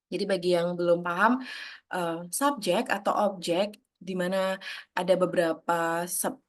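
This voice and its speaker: A woman giving an online grammar lesson, explaining step by step, putting questions to her students and dropping English terms into her talk. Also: on the low side. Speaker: English teacher.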